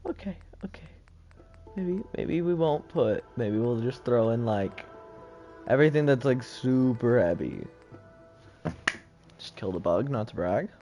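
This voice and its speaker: A man's voice: mid-range voice, lively intonation, measured pace, long pauses, dark tone, soft background music. A man streaming a video game live, who chats loosely to himself and swears as he sorts his gear. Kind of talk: casual gameplay commentary.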